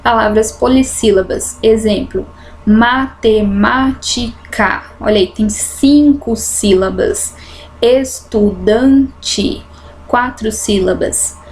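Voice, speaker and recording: A woman teaching a grammar lesson, explaining patiently and drawing out example words slowly. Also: mid-range voice, a little mellow. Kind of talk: recorded online grammar lesson.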